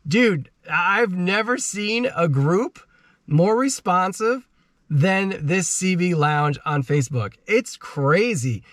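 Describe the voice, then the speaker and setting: Recorded in studio quality with no echo, a man with a somewhat high, fairly bright voice hosts a do-it-yourself car channel. His how-to talk is relaxed and informal, peppered with slang throughout his explanations.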